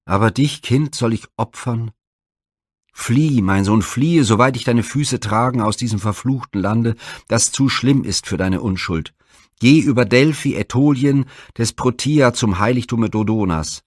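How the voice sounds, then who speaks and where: A man's voice: mid-range voice, unhurried, no echo, clean studio sound, natural voice. A man reading the part of a proud king and father in a myth storybook, pleading and bursting out in indignation. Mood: anguished.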